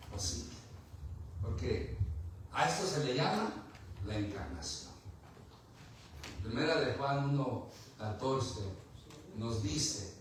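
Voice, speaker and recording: A man's voice: on the high side, a little hiss or hum. A man preaching a sermon, asking the congregation questions and mixing in light humor. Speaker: pastor. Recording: echoey room from far off.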